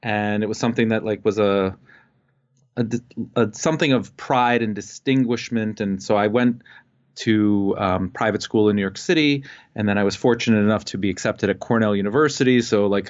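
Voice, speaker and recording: A man from Costa Rica, a guest entrepreneur, telling his life story in a relaxed way with many pauses and fillers. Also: lowish voice, lo-fi sound.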